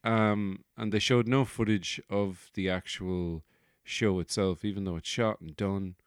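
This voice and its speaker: A man's voice: fairly low pitch, fairly even intonation, measured pace, clear, resonant tone, no room sound, clean studio sound. A man hosting a solo comedy podcast, rambling through jokey, profane tangents. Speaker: podcast host.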